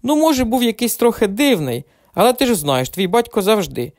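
A man's voice: high voice, sing-song, fairly quick, no echo, pitched above the performer's own voice. A man doing a gossipy old grandmother in a storybook. She prattles curiously in a lifted, sing-song voice. Close, dry recording. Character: nosy chatty old grandmother.

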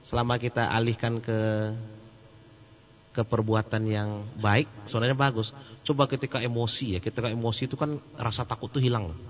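A man giving a casual question-and-answer sermon, joking and animated. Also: medium pitch, a little fast, big-room sound. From Sumatra. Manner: joking and animated, laughs at his own jokes. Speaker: Islamic preacher. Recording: muffled lo-fi recording with faint hum.

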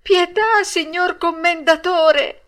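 A woman voicing a brave wooden puppet boy in a storybook reading, pleading in a high tearful voice. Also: slow, fairly bright tone, exaggerated voice.

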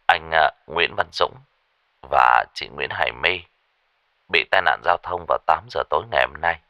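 A man doing a deep, calm caller with bad news. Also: dry recording, clean studio sound, exaggerated voice. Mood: solemn. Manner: deep, warm, measured, trying to stay calm. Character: calm official on the phone, middle-aged man.

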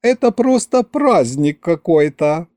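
A man reading an audiobook, voicing a giddy young vampire girl who gushes in drawn-out sighs. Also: on the high side, expressive, warm tone, no echo, pitched above the performer's own voice. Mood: gushing. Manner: sighing, drawn-out, breathless gushing.

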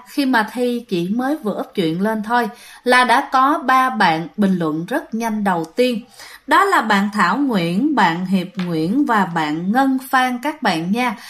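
Chatty Southern Vietnamese woman telling ghost stories. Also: fairly high pitch. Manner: chatty, animated, lots of filler particles. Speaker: ghost story narrator. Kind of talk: casual storytelling to listeners.

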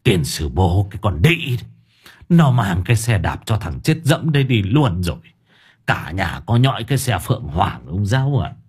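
Brief: man doing a husky, rustic old vendor, coarse and fretful, low rumbling voice. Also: sing-song, moderate pace, a little mellow, full character voice. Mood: lamenting. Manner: whining, lamenting, cursing coarsely.

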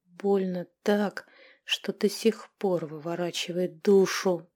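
A woman voicing a grieving, brooding male werewolf who talks in a hushed voice, often slow and whispered. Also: on the low side, flat delivery, husky, exaggerated voice. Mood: anguished.

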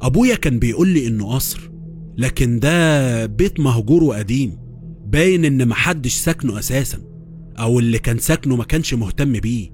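A man with an Egyptian accent narrating a first-person horror story in a steady voice. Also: mid-range voice, a little fast, soft background music.

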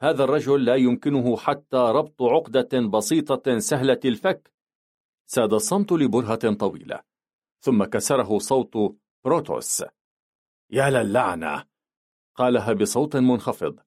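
A man reading a novel aloud as an audiobook narrator, in steady storytelling that shifts tone a little for the characters he quotes. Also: medium pitch, normal speed.

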